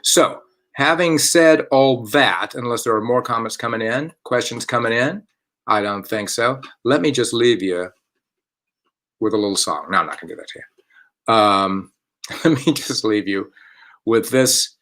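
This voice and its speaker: A man's voice: mid-range voice, a little slow, a bit bright. A man hosting a casual online chat for a theater company from home. He rambles, corrects himself and chuckles often. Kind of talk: casual live-stream chat.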